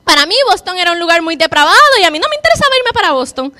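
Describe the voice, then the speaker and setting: A woman's voice: very high-pitched, big pitch swings, racing, sharp tone. A woman giving a heartfelt personal testimony to an audience, often repeating words for emphasis. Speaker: speaker giving a faith testimony.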